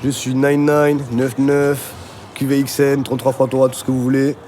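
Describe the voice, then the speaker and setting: This interviewee, a music video director originally from Argentina who relocated to France at age thirteen, talks casually and slangily, sprinkling in conversational tags. He speaks in a mid-range, warm voice with flat delivery at a moderate pace, and there's a little hiss or hum.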